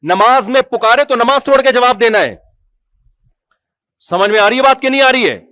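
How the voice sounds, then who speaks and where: Pakistani male preacher, lively joking sermon, high voice, dry mic. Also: dry recording. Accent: Pakistani Urdu. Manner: humorous, animated storytelling with acted quotes; asks the audience questions.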